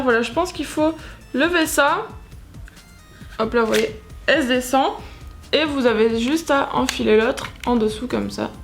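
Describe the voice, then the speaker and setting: A woman's voice: high voice, fairly bright tone. A young woman vlogger chatting casually through a product demo, full of fillers and little spray and click sounds she makes herself. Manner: chatty, many fillers, sound effects like pchit and tac. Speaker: beauty vlogger.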